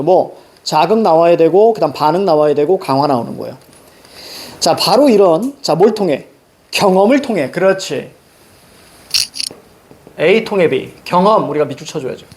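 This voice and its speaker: A middle-aged man teaching a reading lesson in a classroom, directing students step by step on what to underline and circle. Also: a little high. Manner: animated, directive, drills students on reading steps. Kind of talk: classroom lecture. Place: classroom with blackboard.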